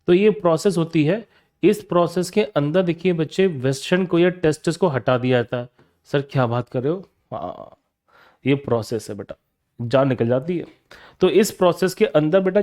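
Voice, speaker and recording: A man's voice: a little high, darkish tone. A young adult man giving a science lecture to students, repeating each question and answering it himself, calling the students "beta". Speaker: teacher. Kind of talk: classroom lecture.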